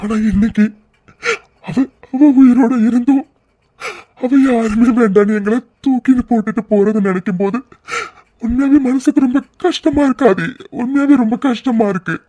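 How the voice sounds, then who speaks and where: A voice actor playing a calm family man in a cartoon, speaking in a soothing, gentle way. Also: medium pitch, normal speed, close to an everyday voice. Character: calm, comforting family man consoling his crying wife.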